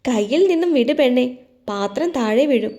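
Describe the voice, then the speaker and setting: A woman's voice: fairly high pitch, animated, normal speed, dark tone, lightly acted. A woman doing a busy, scolding older sister. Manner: muttering, chiding.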